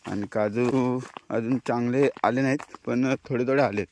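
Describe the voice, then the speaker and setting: A man from the Konkan coast talks to his viewers in an easy, chatty way as he walks through a forest pasture. His pitch sits in an ordinary middle range. Faint outdoor noise and animal sounds are heard behind him. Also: normal speed. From Konkan, India. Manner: relaxed, chatty, addresses viewers directly. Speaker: village vlogger. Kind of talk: casual walking tour narration.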